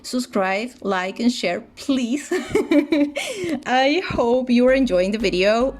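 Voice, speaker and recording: With a slightly high, somewhat mellow voice, a young woman who speaks Spanish as her first language chats casually over gameplay footage as a YouTuber. Restarts and fillers come often, and faint music sits in the background.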